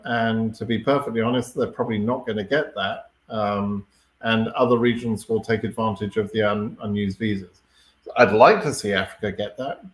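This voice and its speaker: A man hosting a live question-and-answer stream, explaining things in a relaxed way and often checking in with "right?" and fillers. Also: lowish voice, echoey room. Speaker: host answering viewer questions. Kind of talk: live Q&A chat.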